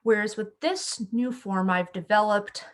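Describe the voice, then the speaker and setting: A young woman speaks at an ordinary middle pitch, walking through a form in a friendly, explanatory tone. She sounds like a school speech therapist recording a tech tutorial, steady and clear in her explanations. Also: unhurried. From California. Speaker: school speech-language pathologist. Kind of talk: screen-share tech tutorial.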